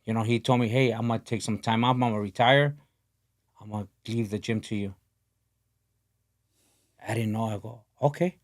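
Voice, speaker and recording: A man in his forties from Honduras, hosting a podcast, talking in a soft, earnest way in a studio. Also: lowish voice, steady tone, moderate pace, pauses often. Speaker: podcast host, boxing coach. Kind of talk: casual interview talk. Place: podcast studio in a boxing gym. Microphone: desk podcast mic.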